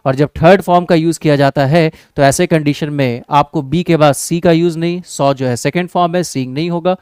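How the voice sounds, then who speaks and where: Indian male English teacher, crisp voice. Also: fairly high pitch, fairly even intonation, a little mellow, no room sound. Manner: checks in with the class, calls students "babu" and "bhai"; reads English sentences out slowly and deliberately. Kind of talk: exam-prep lesson.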